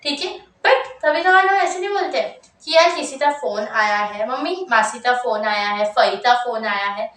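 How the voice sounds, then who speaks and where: Lively woman teaching English grammar. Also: a little high, normal speed, hardly any pauses. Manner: lively, chatty, full of asides and repeated checks. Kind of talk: exam-focused grammar lesson. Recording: roomy, mic set at a distance.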